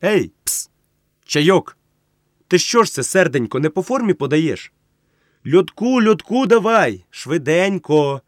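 A man reading an audiobook, voicing an exuberant tipsy friend who is effusive, coaxing and given to loud calling out. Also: medium pitch, sing-song, moderate pace, no echo, studio quality. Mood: boisterous. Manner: gushing, coaxing, calls out loudly. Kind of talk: audiobook character voice.

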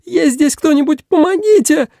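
A man's voice: lively intonation, normal speed, vocal fry, warm tone, dry recording, clean studio sound, full character voice. A man doing a shrieking damsel in distress. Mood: desperate. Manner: shrill, pleading cries. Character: young woman in peril, screaming for help.

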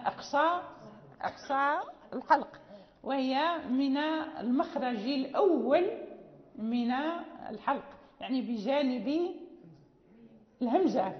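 Woman teacher going over recitation rules, high voice, dull lo-fi sound with lots of room echo. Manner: explains step by step, checks students with short "yes", recites examples slowly. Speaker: Quran recitation and tajweed teacher. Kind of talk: classroom lesson on letter articulation. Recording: echoey hall, dull lo-fi sound.

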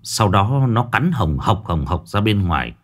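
Male ghost story narrator, low voice, lively telling. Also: a little slow. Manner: vivid, colloquial storytelling.

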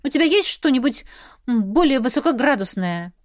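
A woman's voice: high voice, sing-song, normal speed, pitched above the performer's own voice. A woman voicing a young heroine who speaks heatedly and indignantly. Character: young woman heroine, hot-tempered and defensive.

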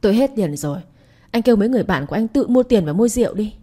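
A woman's voice: medium pitch, lively intonation, very fast, warm tone, husky. A woman voicing a weary middle-aged wife who answers in a tired, pleading way.

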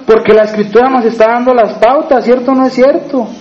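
A man's voice: extremely high pitch, fairly even intonation, brisk, darkish tone, dull audio. A man with a Mexican accent preaching a sermon in a conversational way, often asking the congregation questions. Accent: Mexican Spanish.

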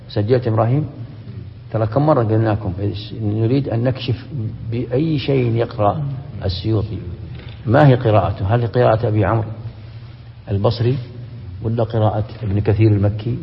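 A man, a sheikh giving a Quran commentary lesson, quick and emphatic, often breaking off and restarting words. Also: on the low side, gravelly, slight background noise. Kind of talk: classroom lecture with questions to students. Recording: dull, echoey lecture-hall recording.

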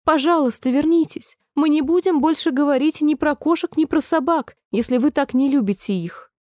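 A woman's voice: fairly high pitch, normal speed, warm tone, no room sound, clean studio sound, close to an everyday voice. A woman voicing a polite, chatty, fretful little girl in a storybook reading, sounding eager and apologetic.

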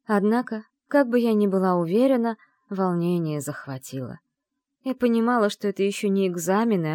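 Expressive woman reading a novel. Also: on the low side, no echo, clean studio sound. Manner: expressive, lively storytelling. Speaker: audiobook narrator. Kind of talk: first-person novel narration.

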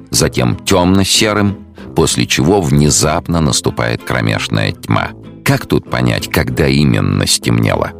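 Very deep, gravelly male narrator. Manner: unhurried, expressive storytelling. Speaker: audiobook narrator. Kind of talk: scripted narration.

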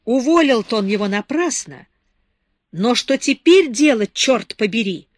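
A woman voicing a gruff, irritable factory boss. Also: on the high side, lively intonation, unhurried, no room sound, voice pushed up. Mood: irritated. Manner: grumbling, exasperated.

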